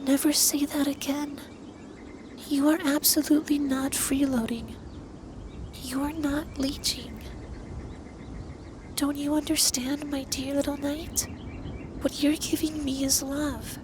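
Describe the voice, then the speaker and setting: Speaking with an extremely high pitch and little pitch movement, a man plays a centuries-old, androgynous male dragon in an ASMR roleplay, a stern but caring lover addressing the listener in an intimate scripted monologue. The tone is tender and reassuring, the phrasing formal, earnest and deliberate. Clear background noise with ambience is present.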